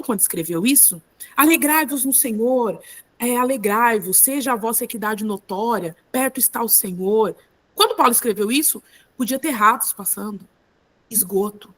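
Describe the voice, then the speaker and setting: A woman leading a women's Bible study, preaching in a conversational way with tag questions and acted-out voices. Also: mid-range voice. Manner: animated, acts out biblical voices. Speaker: women's group leader.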